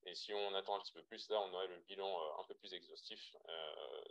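A man's voice: low voice, fairly quick, vocal fry, a bit bright, dull audio. A man with a French accent giving a webinar slide lecture to trainees, hesitant with frequent fillers and restarts, heard through a computer mic. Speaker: radiologist giving a webinar talk.

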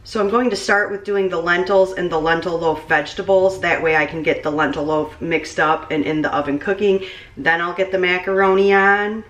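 A woman's voice: on the low side, a bit bright, far from the mic. A woman in her thirties chatting casually while she cooks in a small home kitchen, picked up by the camera mic as she moves around. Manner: chatty, talks while cooking and moving around. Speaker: cooking vlogger. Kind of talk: casual cooking vlog. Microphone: camera mic, distance varies as she moves. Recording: roomy kitchen echo, off-mic at times.

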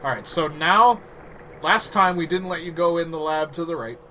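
A man's voice: fairly high pitch, moderate pace. A young man giving casual commentary on a game, chatty and telling the player where to go. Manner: chatty, directing the player, restarts. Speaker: let's play commentator. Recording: loud game music behind.

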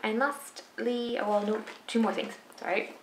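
A woman's voice: on the high side, flat delivery, normal speed. A woman in her thirties from the UK, a cycling vlogger explaining gear to camera in a chatty way with frequent asides and fillers, recorded seated in a home room. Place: sunny home room with shuttered window. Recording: echoey room with audible noise.

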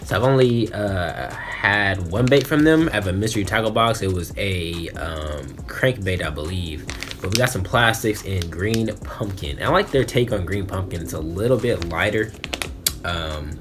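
This young American man, a young adult, talks in a low-pitched, animated voice at normal speed, with background noise audible. He is a fishing vlogger doing a casual, slangy unboxing, shot indoors in a small bedroom on a camera held at arm's length.

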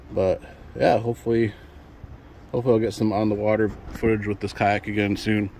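A young man casually showing off a fishing build on a phone camera outdoors, rambling with many ums and restarts. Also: lowish voice. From Michigan. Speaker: fishing channel host. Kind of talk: casual how-to vlog. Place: outdoors in an apartment parking lot. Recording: noisy outdoor phone recording.

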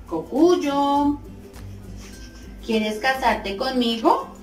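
An old, withered bramble bush , as a woman puts her on, soft and coaxing, drawing out her words slowly. The voice sits in a roomy space away from the mic, with faint music behind. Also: expressive, far from the mic, full character voice. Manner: soft, low, slow and coaxing.

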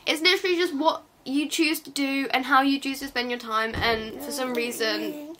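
A teenage woman vlogging at home at night. She talks in a quiet, hushed voice, rambling and restarting in an emotional monologue to camera. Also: high voice, fairly even intonation, normal speed, noisy background. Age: teens.

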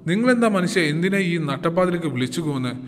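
A tart, sharp-tongued wife who scolds her husband, voiced by a man reading the story. The voice runs slightly high, and a long reverb hangs after each line. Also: animated, fast, natural voice. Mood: scolding.

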